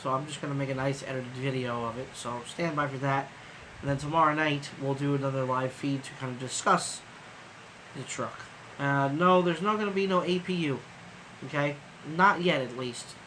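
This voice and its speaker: A man's voice: mid-range voice, steady tone, moderate pace, fairly bright tone, slight background noise, poor audio. A man hosting a casual live stream as a trucker, rambling loosely with lots of fillers and casual swearing, sleepy and yawning.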